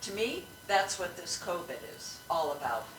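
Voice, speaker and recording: A woman's voice: on the low side, big pitch swings, moderate pace, roomy sound, far from the mic, background noise. A woman guest in casual chat, agreeable and chatty. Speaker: podcast guest.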